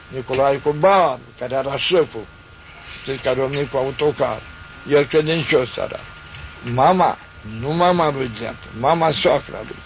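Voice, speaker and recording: An older man, an Orthodox priest, telling listeners a vivid, rambling story with many repetitions, on a dull lo-fi recording. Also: fairly high pitch. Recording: dull lo-fi recording with faint noise.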